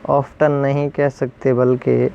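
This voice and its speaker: A man teaching English pronunciation, repeating each rule and word slowly and then giving its meaning. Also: medium pitch, level tone, mellow, clean tone, dull audio. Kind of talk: explaining pronunciation rules.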